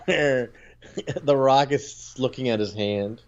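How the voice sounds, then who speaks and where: A man's voice: medium pitch, slow pace. Guy rambling on a podcast, tons of "like" and restarts, kinda muffled audio. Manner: rambling, animated, many fillers and restarts. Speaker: podcast co-host. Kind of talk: casual chat.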